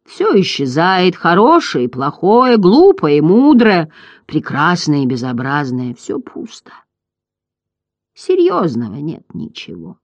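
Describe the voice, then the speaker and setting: Morla, a hoarse gurgling ancient turtle, as a reader puts her on. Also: mid-range voice, huge pitch swings, no echo, muffled recording, heavily acted. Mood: weary, indifferent. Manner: slow, drawling, fading to whispers. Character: ancient giant female turtle, weary, indifferent. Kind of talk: audiobook character voice.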